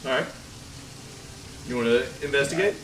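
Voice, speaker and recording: A man's voice: medium pitch, lively intonation, normal speed, fairly bright tone, echoey room, far from the mic, slight background noise, low-quality recording. A man running a tabletop game as game master, narrating casually and laughing often.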